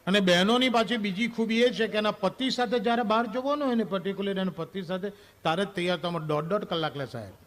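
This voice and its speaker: A man performing a stand-up comedy monologue on stage, telling animated stories and acting out quoted lines from a wife and a husband, with English phrases mixed in. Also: sits high, fast talker. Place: stage before a live audience.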